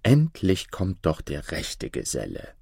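A man voicing a cunning wandering fiddler in a storybook reading, giving coaxing commands in a deep voice. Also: wildly swooping pitch, unhurried, gravelly, a little mellow, breathy edge, no echo, clean studio sound, heavily acted.

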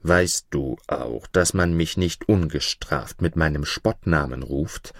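A man voicing a gruff mountain spirit disguised as a charcoal burner, talking deep, slow and stern. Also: expressive, no room sound, studio quality, heavily acted.

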